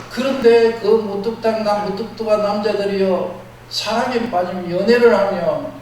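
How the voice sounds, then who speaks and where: Blunt and plain-spoken, this Gyeongsang-born pastor delivers his sermon in the region's Korean accent, alternating loud, emphatic outbursts with quiet, low asides. The recording comes from a very reverberant hall with a distant mic and faint noise.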